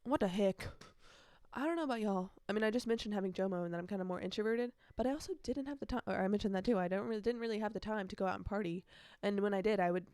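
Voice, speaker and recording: Recorded dry and at studio quality, a nineteen-year-old woman talks rapid-fire on her own podcast in a mid-range, darkish voice. She rambles, backtracks to correct herself, and drops youthful slang, repeating words for emphasis.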